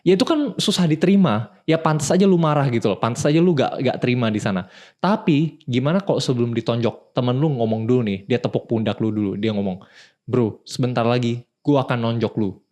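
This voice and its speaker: Young man, casual and direct, mid-pitched voice, talk show host. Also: lively intonation, fast, a little mellow. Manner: casual, direct, addresses listener as "lu" and "bro". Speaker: podcast host. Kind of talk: casual explainer talk in Jakarta slang.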